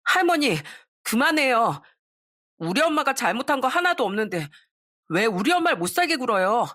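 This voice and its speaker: A woman's voice: fairly high pitch, sing-song, normal speed, a bit bright, pitched above the performer's own voice. A woman voicing a defiant eleven-year-old boy who speaks up in a pointed, reproachful way.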